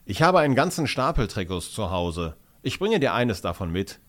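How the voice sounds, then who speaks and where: A man reading aloud, voicing a friendly, eager boy footballer with a lively, exclamatory way of talking. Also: fairly low pitch, moderate pace. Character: sporty schoolboy, eager and friendly.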